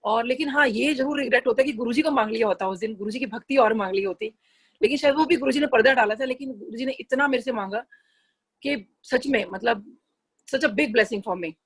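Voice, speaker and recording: Brief Middle-aged woman, slightly high and husky voice, chatty earnest testimony with English phrases mixed in. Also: a little fast. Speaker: satsang devotee sharing a personal experience. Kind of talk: casual spoken testimony.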